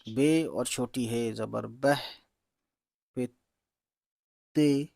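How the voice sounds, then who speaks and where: Male reading teacher, gravelly and unhurried, dry close sound; sounds out each letter patiently. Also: medium pitch, warm tone, no echo. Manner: spells out letters and vowel marks slowly, says "theek hai" often. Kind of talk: slow letter-by-letter reading lesson.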